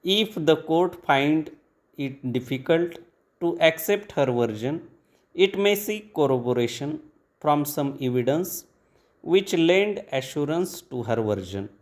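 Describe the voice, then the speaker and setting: A man dictating formal legal text for shorthand practice, reading in short measured phrases with pauses between them. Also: fairly high pitch, expressive.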